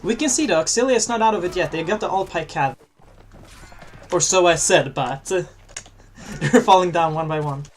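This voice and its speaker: An esports commentator with a high-pitched voice chats and jokes through a video game match at a moderate pace, getting louder during fights. A little hiss or hum is audible.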